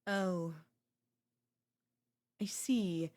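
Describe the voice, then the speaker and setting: A woman performs an ASMR role-play as a girlfriend, her voice on the low side and her words drawn out. She stays calm, but there's a cutting, quietly possessive edge to what she says.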